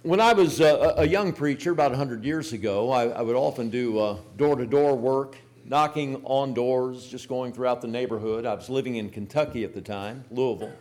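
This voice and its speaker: A man's voice: mid-range voice, brisk, hardly any pauses, darkish tone. An older man preaching a sermon, telling folksy personal stories and rising to emphatic points. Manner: folksy storytelling with emphatic rises. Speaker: pastor.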